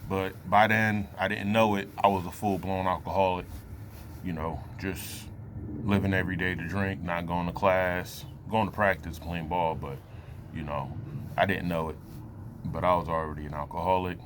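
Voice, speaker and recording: A man in his late thirties giving a reflective personal talk to camera, loose and halting, with many fillers and pauses. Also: low-pitched, flat delivery, noisy background. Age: 30s. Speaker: vlogger.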